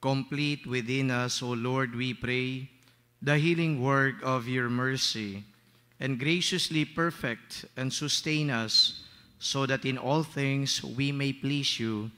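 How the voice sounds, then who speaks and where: Priest, male, measured and bright-toned, blessing the people in a big echoing church. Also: mid-range voice, steady tone, smooth. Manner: slow, measured, solemn intoning. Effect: cathedral echo. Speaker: priest presiding at Mass. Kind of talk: liturgical prayer and blessing. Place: large church. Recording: long church reverb on a PA mic.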